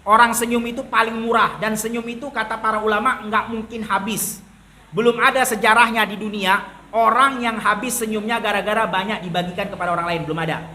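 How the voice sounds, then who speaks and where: A man's voice: high-pitched, steady tone, a little fast, pushed and bright, a little hiss or hum. A man preaching a sermon in a colloquial way, firing rhetorical questions at the audience and answering them himself. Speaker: Islamic preacher.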